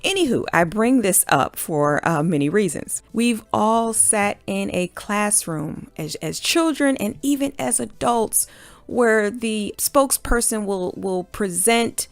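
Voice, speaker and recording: A woman's voice: medium pitch, expressive, slow pace, no echo. A woman teacher giving classroom tips in a casual, conversational way, often repeating words as she goes. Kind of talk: chatty instructional video talk.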